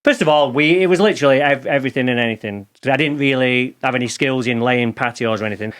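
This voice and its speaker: Speaking fast in a smooth, fairly bright mid-range voice, a Lancashire man from England in his forties guests on a podcast. His casual interview chat is candid and rambling, with restarts as he recounts his working life.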